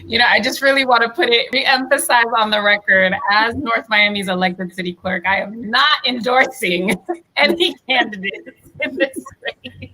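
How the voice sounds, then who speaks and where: A woman's voice: on the high side, normal speed, sharp tone, rough recording. A woman who is a city clerk moderating an online panel of candidates, speaking in an encouraging way with fillers.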